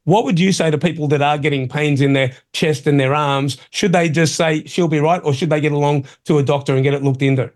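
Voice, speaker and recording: A man's voice: a little high, fairly even intonation, fairly quick, hardly any pauses. A middle-aged Australian man hosting talk radio, opinionated and colloquial in a blokey, tradesman-like way, often calling people mate. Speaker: talk show host.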